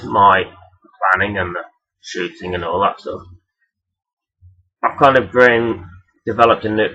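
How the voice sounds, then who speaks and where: A man's voice: lowish voice, creaky, a bit bright, husky. A man giving a casual, rambling toy review in a hesitant, self-deprecating, blunt and sweary way. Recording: dull, lo-fi sound.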